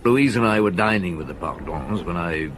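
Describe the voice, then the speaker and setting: In British radio drama style, an older male actor with a deep, animated voice plays Maigret, the genial, reflective French police inspector past fifty. He speaks unhurriedly and often murmurs little hums, against a noisy background.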